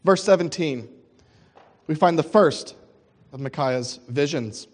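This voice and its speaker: A man's voice: a little high, slow pace, slightly rough, big-room sound. A man preaching an expository sermon, asking rhetorical questions and explaining scripture. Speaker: pastor.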